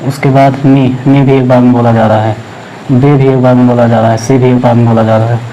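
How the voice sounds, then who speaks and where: A man teaching English grammar, explaining in Hindi and slowly dictating words while he writes them on a board. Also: medium pitch, flat delivery, warm tone, dull audio, a little hiss or hum. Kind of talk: classroom lesson explaining grammar.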